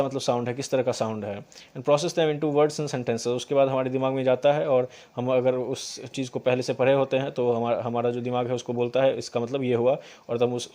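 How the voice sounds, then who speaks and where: A man from India, teaching an exam-prep lesson. He reads English definitions slowly and explains them in Hindi, with many fillers and restarts. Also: medium pitch, warm tone. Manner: many fillers, repeats words.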